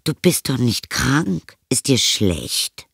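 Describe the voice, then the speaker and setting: A woman's voice: extremely low pitch, very animated, unhurried, no echo, studio quality, pitched above the performer's own voice, heavily acted. A woman voicing a worried, suspicious mother in an audiobook reading, questioning her son insistently. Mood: suspicious probing. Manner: probing, insistent. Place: studio.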